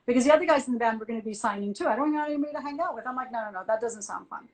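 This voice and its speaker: Animated woman telling a story. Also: fairly high pitch, very fast, rough recording. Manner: animated anecdote-telling, acts out both sides of quoted dialogue, frequent "like". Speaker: interview guest, music journalist. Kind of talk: casual storytelling on a live video chat. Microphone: phone or laptop on a video call.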